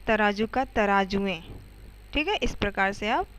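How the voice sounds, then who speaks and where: A woman's voice: mid-range voice, animated, a little slow, noisy background. A woman teacher explaining grammar to schoolchildren step by step, often checking in with "okay" and asking the students questions. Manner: addresses students directly with questions.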